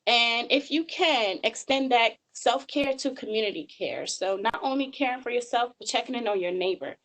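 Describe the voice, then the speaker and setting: A woman's voice: fairly high pitch, expressive, normal speed, a bit bright, poor audio. A woman in her twenties giving a webinar presentation over slides, earnest and full of filler ums. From Georgia, US. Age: 20s.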